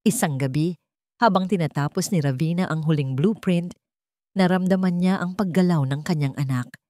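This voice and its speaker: In measured, short phrases, a woman narrates a scripted romantic drama. Her voice is fairly low and darkish, and the recording is dry with very little room sound.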